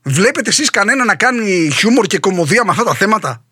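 A young man delivering a mock-earnest satirical monologue as a comedy host, full of deadpan irony and rhetorical questions. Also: high voice, slightly rough, no echo, clean studio sound.

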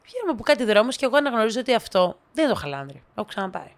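Lively woman telling stories. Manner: lively, acts out dialogue with sharp pitch jumps. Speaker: storyteller. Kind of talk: casual anecdotal storytelling to listeners.

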